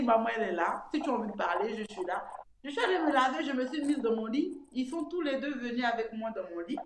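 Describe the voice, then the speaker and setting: A woman in her thirties telling her own experience in a casual testimonial chat, talking freely, repeating words and retelling scenes from home. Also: a little high. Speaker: interviewee giving a testimonial. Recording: echoey room with clear noise.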